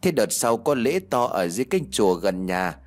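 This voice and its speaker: A man's voice: lowish voice, big pitch swings, a little fast. A man voicing a blunt, scolding old male village shaman in a spoken ghost story. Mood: gruff.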